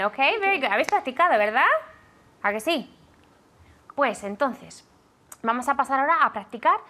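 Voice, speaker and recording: A woman teaching a language lesson, drilling pronunciation clearly and checking in with her student often. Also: a little high, pushed and bright. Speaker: English teacher.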